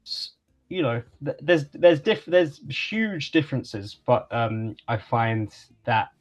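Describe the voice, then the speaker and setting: Hesitant young man on a video call. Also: medium pitch. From England. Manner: hesitant, many fillers and restarts. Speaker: guest. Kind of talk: casual interview conversation.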